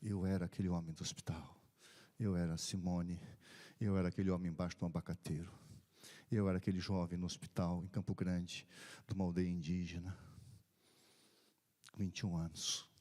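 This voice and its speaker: A man's voice: low-pitched, level tone, a little fast, pauses often, warm tone. A man, a pastor, telling a deathbed story in a sermon, acting out the dialogue and dropping to a whisper at times. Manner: retells dialogue, drops to whispers and rises in bursts.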